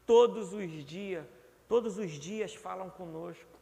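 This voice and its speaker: A young Brazilian pastor with a high, creaky, mellow voice preaches a sermon slowly in a church hall, with a Brazilian Portuguese accent. He is earnest and repeats words for emphasis, and the hall gives a long reverb.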